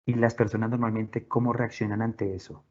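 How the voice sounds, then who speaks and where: A man's voice: lowish voice, little pitch movement, brisk, dull audio. A man giving a talk to parents from home, telling stories from his own life and asking questions in an earnest way. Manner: earnest, storytelling, asks questions. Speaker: parent workshop speaker. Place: at home, with pets nearby.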